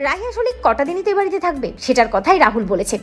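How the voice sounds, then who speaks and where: A woman narrating a quick recap of a television serial episode. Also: high voice, soft background music. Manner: brisk, lively retelling.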